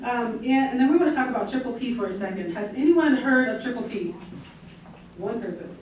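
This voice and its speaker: A woman's voice: fairly high pitch, expressive, fairly quick, darkish tone, dull audio, a little hiss or hum. A woman leading a volunteer training session, upbeat and encouraging. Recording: echoey room, mic far off.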